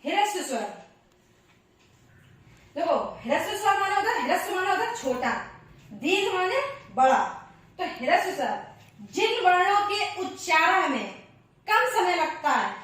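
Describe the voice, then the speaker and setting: Woman teacher, very high voice, distant from the mic, patient question-and-answer teaching. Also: big pitch swings, fairly bright tone. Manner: slow, patient counting and repeating, asks questions then answers them. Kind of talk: Hindi grammar lesson. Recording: echoey room, voice far from the mic.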